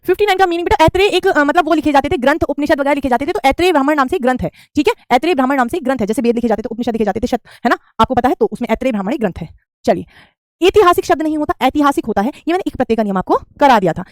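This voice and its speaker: Woman, 30s, online Hindi teacher; repetitive, patient drilling; slightly high voice, dry sound. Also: lively intonation, very fast, no echo. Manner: repetitive drilling, calls students beta. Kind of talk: online class teaching spelling.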